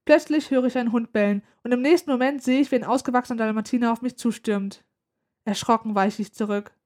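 A woman narrating a story in a calm, even storytelling manner. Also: on the high side, fast. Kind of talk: audiobook narration.

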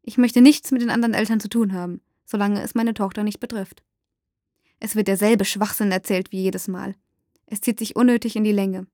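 A woman narrating a first-person story aloud, dramatic and rising to shouts in the dialogue. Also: medium pitch, fairly even intonation, brisk, no room sound, studio quality.

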